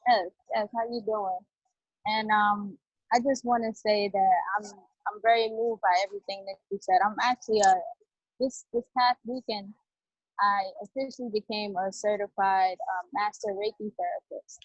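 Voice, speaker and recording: A woman from Barbados asking a question on a webinar, offering greetings and pausing with fillers as she goes. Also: mid-range voice, fairly even intonation, no echo. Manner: warm greetings, hesitant with fillers. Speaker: webinar participant. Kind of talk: video-call question. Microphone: video call. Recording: dry, dull video-call audio.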